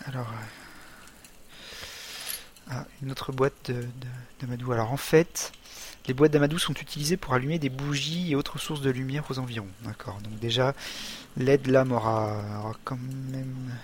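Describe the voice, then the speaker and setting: A man talking through a horror video game as he plays, pausing often and restarting his sentences. His voice sits at an ordinary middle pitch. A faint noise runs under the recording. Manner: hesitant, halting, many fillers and restarts. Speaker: gamer. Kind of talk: let's play commentary.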